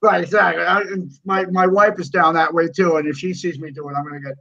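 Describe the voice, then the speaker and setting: Animated high-voiced man ranting. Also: quick pace, gravelly. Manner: animated, swearing rants. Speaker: podcast co-host. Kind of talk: casual chat. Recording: dull lo-fi sound.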